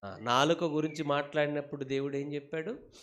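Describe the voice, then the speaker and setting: A man's voice: on the high side, fairly even intonation, fairly quick, a bit bright. A man preaching a sermon with animation, repeating phrases and asking rhetorical questions.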